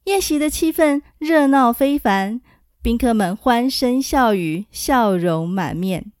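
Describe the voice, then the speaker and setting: A woman narrating a classical tale in a gentle, scripted podcast style. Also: a little high, expressive, dry recording, clean studio sound. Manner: slow, gentle storytelling. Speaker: podcast storyteller.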